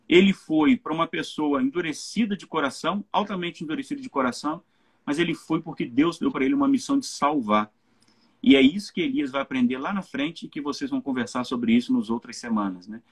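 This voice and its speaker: A Brazilian pastor gives an informal Bible teaching on a live stream, speaking with a Brazilian Portuguese accent. His voice is fairly high and brisk with a breathy edge, and he keeps checking in with listeners through tag questions.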